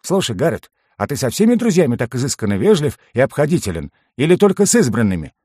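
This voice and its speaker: Cast: a man voicing a sarcastic goblin jester, high and springy, dry close read. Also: sing-song, quick pace, dark tone, husky, no room sound. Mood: teasing. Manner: teasing, sarcastic. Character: cheeky male goblin jester, mocking and talkative.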